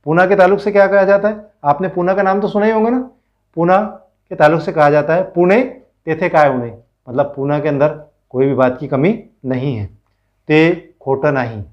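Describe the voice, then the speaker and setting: Higher-pitched man teaching a lesson. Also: normal speed, muffled recording. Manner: reads lines aloud and repeats words, asks pupils questions. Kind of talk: explaining a school lesson.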